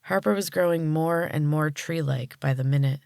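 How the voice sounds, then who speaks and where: A woman podcast host narrating a storybook chapter in a calm, measured way. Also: sits low, gravelly, no room sound, studio quality.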